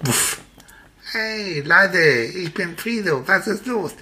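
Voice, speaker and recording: A woman telling a guided story to a child, soothing and slow, sometimes whispering. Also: on the low side, animated, sharp tone.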